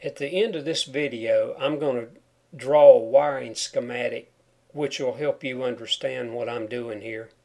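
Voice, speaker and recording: A DIY home wiring instructor talks through a how-to tutorial one step at a time, plainly and clearly. His mid-range voice is steady, a little slow, creaky and slightly mellow, and a chipped tooth makes his s sounds whistle.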